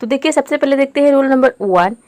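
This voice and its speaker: A woman's voice: high-pitched, fast, darkish tone, no room sound. A woman from India teaching an online lesson, explaining patiently step by step and mixing English words into her Hindi.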